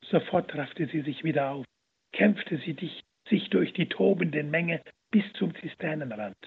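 A man's voice: a little high, animated, a little slow, vocal fry, slightly rough. A man narrating a religious story aloud in an earnest, dramatic manner, heard over the radio. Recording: phone-like radio broadcast.

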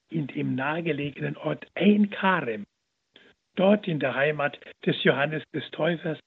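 Man narrating a religious story, earnest dramatic delivery, husky gravelly voice, tinny radio sound. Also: fairly high pitch. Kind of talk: reading a religious story aloud. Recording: phone-like radio broadcast.

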